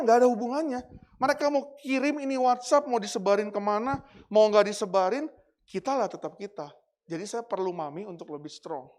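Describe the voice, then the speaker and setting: A middle-aged Indonesian pastor preaching in a conversational, animated storytelling manner. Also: male voice, sits high. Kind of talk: sermon.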